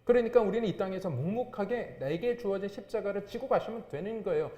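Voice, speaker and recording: A man's voice: high voice, animated, fast, warm tone, dull audio. A man, a pastor, preaching a sermon with emphatic, rising and falling delivery. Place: church sanctuary. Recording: echoey church hall.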